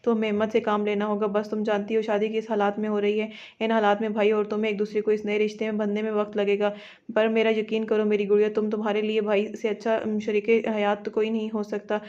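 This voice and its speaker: A woman's voice: mid-range voice, monotone, fast talker, darkish tone, natural voice. A woman voicing a playful, teasing young man in an audio novel, in a level reading voice. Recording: dull lo-fi audio.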